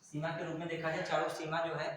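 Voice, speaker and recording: A man's voice: fairly high pitch, monotone, fast, fairly bright tone, slight background noise. A male teacher lecturing a class, quizzing students and repeating their answers. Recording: echoey classroom from far off.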